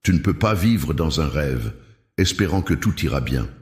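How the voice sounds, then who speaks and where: A man voicing a scornful male former companion from a dark past, with a sharp, mocking tone. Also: extremely low pitch, sing-song, moderate pace, pitched below the performer's own voice. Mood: cold, mocking. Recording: roomy echo.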